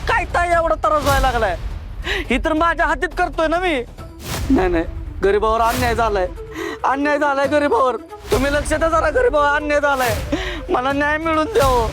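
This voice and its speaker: An actor playing a poor, jittery tea-stall owner who pleads theatrically. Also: male voice, very high-pitched. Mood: pleading.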